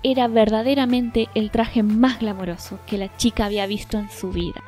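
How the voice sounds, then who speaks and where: A woman narrating a children's story in a gentle, measured way. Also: medium pitch, fairly even intonation, faint music behind.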